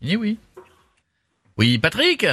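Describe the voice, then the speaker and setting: A male radio host making teasing prank calls to listeners, with playful, quick banter. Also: sits high, huge pitch swings, pushed and bright, breathy edge, no echo, soft background music.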